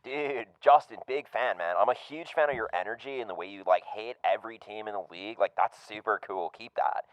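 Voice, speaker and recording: A man's voice: lowish voice, fairly quick, dry recording, muffled recording, natural voice. A man playing a laid-back rich surfer-bro caller who drawls with lots of "dude" and "like". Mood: breezy boastful. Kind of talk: comedic prank call bit.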